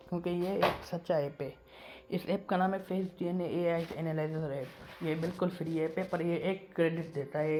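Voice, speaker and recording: A man's voice: on the high side, warm tone. Male vlogger, insistent and repetitive, faint background noise. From Pakistan. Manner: repetitive and emphatic, circles back to the same points. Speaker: YouTuber. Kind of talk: casual vlog monologue.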